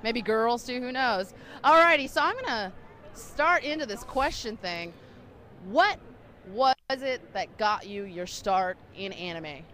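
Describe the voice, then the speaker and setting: A woman's voice: a little high, animated, measured pace, pushed and bright. A woman hosting a casual, playful interview outdoors at a fan convention, teasing her guest and joking with the viewers. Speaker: interview host.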